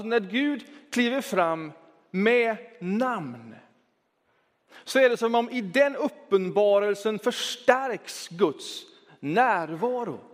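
A man preaching a Sunday sermon in a church, reflective, switching between quick talk and slow, stressed words. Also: sits high. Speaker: pastor. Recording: long church reverb.

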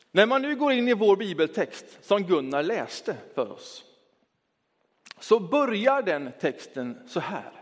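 Man, pastor, sermon, fairly high voice, long church echo, reflective, quick then slow. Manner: reflective, lively shifts between quick talk and slow emphasis.

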